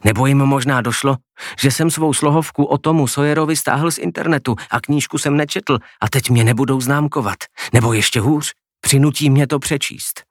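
A man's voice: mid-range voice, no room sound, studio quality. A man reading an audiobook aloud, narrating expressively and acting out the characters.

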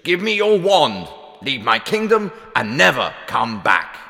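An actor playing an angry, commanding legendary king in a dramatised children's story, with a forceful, accusing delivery. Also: sits low, animated, a little slow, long reverb tail. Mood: raging, commanding. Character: angry, grieving legendary king confronting his wicked queen.

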